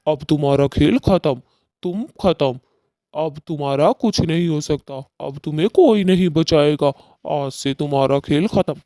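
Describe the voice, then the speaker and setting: A man's voice: fairly high pitch, unhurried, warm tone, no echo, studio quality. A man voicing a defiant villager in a cartoon story who issues stern ultimatums.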